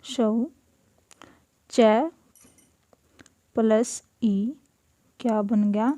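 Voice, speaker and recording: A woman teacher going through a school lesson, saying each word slowly and giving its meaning. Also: fairly high pitch, fairly even intonation, dark tone, dry recording. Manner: slow, deliberate, repeats each word and gives its meaning. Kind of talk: classroom lesson explaining Sanskrit words in Hindi.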